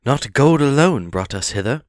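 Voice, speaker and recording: A man voicing Bilbo, a small, timid male hobbit who talks in an over-polite, frightened squeak while trying to sound brave. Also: expressive, moderate pace, no echo, clean studio sound, close to an everyday voice. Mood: bold.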